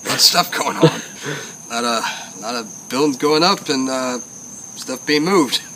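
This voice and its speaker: A man's voice: medium pitch, a little slow, sharp tone, slight background noise, rough recording. A man hosting a casual comic chat, rambling goofily and trailing off into laughter. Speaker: host of a casual sit-down chat.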